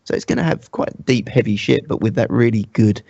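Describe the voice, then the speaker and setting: Guy co-hosting a gaming stream, low and gravelly, kinda muffled lo-fi sound. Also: fairly quick, no echo. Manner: animated, laughing, leading the discussion. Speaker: podcast co-host. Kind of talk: casual gaming chat. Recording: dull lo-fi stream audio.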